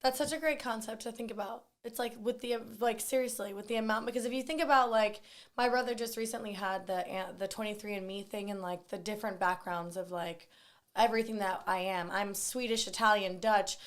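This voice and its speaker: A woman's voice: medium pitch, fairly even intonation, a little fast. Blunt, casually swearing woman. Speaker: podcast co-host. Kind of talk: casual podcast chat.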